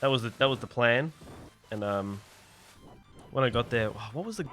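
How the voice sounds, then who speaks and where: A man's voice: mid-range voice, lively intonation, normal speed, a bit bright, soft background music. An Australian man hosting a let's play, rambling through a funny anecdote while laughing often. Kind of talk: casual chat over gameplay.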